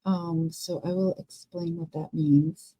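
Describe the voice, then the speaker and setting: A woman's voice: on the low side, steady tone, takes it slowly, warm tone. A woman with a scratchy, froggy voice, as if with a frog in her throat, chatting casually and unscripted as host of a livestream.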